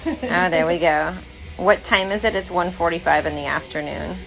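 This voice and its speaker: A woman's voice: lowish voice, moderate pace, vocal fry, rough recording. A young woman co-hosting a casual livestream, reading out chat comments in a chatty, blunt, teasing way.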